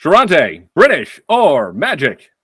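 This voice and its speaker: A man hosting a comedy trivia show in a dry, deadpan way. He speaks slowly, with a lively, rising and falling pitch. The sound is dry and close. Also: slightly rough, no echo. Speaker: game show host.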